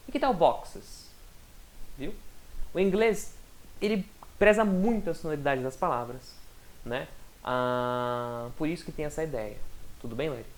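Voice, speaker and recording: A male English teacher gives a relaxed, conversational lesson. He keeps checking that his student is following and draws out English example words slowly and carefully so they can be heard clearly. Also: high-pitched. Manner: chatty and encouraging, often checks in with the student. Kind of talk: recorded online lesson.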